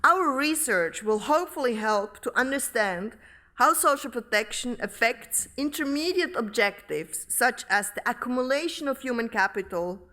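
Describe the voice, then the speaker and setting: A middle-aged woman from Switzerland, giving a formal academic lecture at a podium microphone in a large hall, reading in a measured, deliberate way. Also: on the high side, lively intonation, sharp tone. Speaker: professor giving inaugural lecture.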